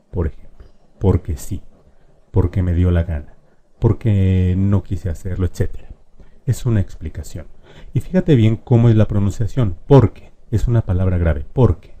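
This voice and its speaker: A man teaches spelling, speaking patiently and directly to the viewer. His voice sits low and sounds very dark and mellow. He slows right down to draw out each example word. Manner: patient, addresses the viewer directly, stretches example words slowly. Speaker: language teacher. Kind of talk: explanatory lesson on spelling.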